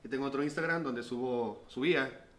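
A man with a Mexican accent, a podcast guest who teases his friends in rapid-fire slang. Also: mid-range voice, a bit bright. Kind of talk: casual podcast chat.

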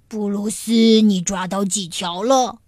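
A woman's voice: medium pitch, fairly even intonation, slow pace, a little mellow, dry recording, studio quality, natural voice. A woman voicing a cheeky, boastful young cat in a children's story, playful and teasing.

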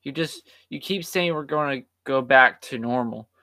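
A tired man chatting casually as a podcast co-host, drifting from point to point with a middle-pitched voice. The sound is close and dry. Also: normal speed, pushed and bright, dry recording. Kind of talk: casual chat.

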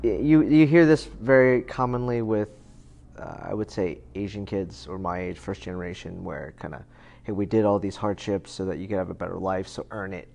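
A man's voice: deep voice, fairly even intonation, moderate pace, creaky, a little mellow. A man in his thirties, a guest in a casual conversation, talking in a rambling way with many fillers and restarts. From United States. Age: 30s.

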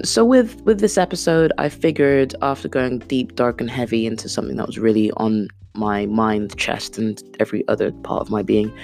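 A Kenyan woman in her thirties, whose first language is Swahili, hosts an unplanned podcast with a very deep, gravelly, darkish voice. She rambles through a casual monologue, chatty and self-deprecating, with lots of fillers.

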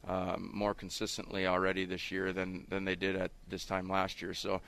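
A man in his thirties, a high school hockey coach, explaining earnestly in a radio interview, his voice muffled by a face mask. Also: monotone, moderate pace, creaky, a bit bright, clean tone. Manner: earnest, explanatory, frequent "you know".

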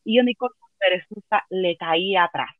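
A woman's voice: on the low side, normal speed, phone-quality sound, background noise. A woman with a Cuban accent telling a funny personal story in a dramatic, self-mocking way. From Cuba. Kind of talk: comic storytelling chat.

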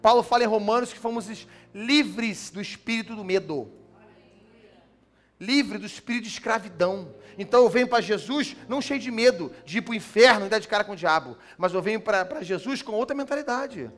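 A man preaching a sermon as a pastor, animated, swinging from loud emphatic lines to soft, slow ones. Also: high-pitched.

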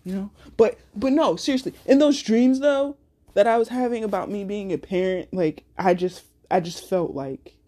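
A woman's voice: medium pitch, moderate pace, mellow. A woman hosting a casual solo podcast, speaking bluntly and cursing a lot as she tells a story with speech. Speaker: podcast host.

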